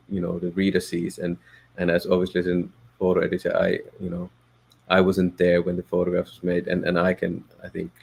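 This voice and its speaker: Deep flat-voiced Finnish man, halting. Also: gravelly, breathy edge. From Finland. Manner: thoughtful, hesitant, many fillers and restarts. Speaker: guest, photo editor. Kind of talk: podcast interview.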